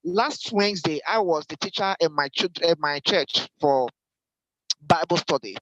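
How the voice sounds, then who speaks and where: A man with a high voice gives a church training lecture to Sunday school teachers. He speaks directly and instructively. He repeats his key points for emphasis. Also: moderate pace, a bit bright, highs cut off, a little hiss or hum.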